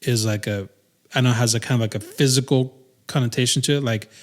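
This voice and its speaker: A man in his thirties talks in a loose, casual podcast chat, with a voice of ordinary middle pitch. He rambles and restarts his sentences often, filling the gaps with "um" and "like". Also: steady tone, brisk. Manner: rambling, many restarts and fillers. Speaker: podcast co-host.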